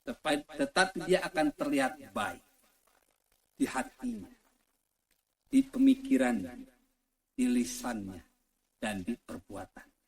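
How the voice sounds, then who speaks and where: A man delivering a fiery political sermon, asking the audience questions and repeating phrases in rhythmic lists, swinging between loud high cries and low quiet drops. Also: expressive, unhurried, pauses often. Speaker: preacher.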